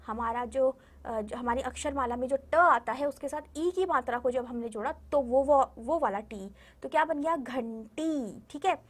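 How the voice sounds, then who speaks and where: High-voiced patient woman teaching children. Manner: patient, repeats words and sounds slowly, asks children questions. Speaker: primary school Hindi teacher. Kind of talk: recorded online lesson for young children.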